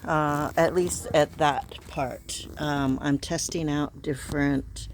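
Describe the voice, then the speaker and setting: A man narrating a casual vlog outdoors in a garden, thinking aloud in a halting way. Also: fairly high pitch, level tone, low-quality recording. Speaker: gardening vlogger. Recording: outdoor ambient noise.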